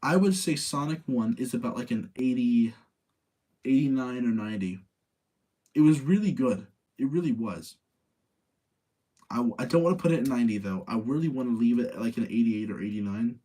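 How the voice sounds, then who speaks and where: A man runs a live ranking show about video game movies, offering his own takes in a loose, conversational style. His voice is medium in pitch and warm in tone, and he speaks at a normal speed.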